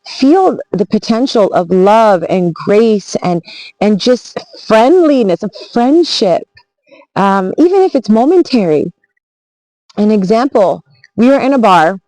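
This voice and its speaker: A woman's voice: a little high, dark tone, no room sound, rough recording. A woman travel vlogger telling a story in a casual, earnest, reflective way, often restarting her sentences.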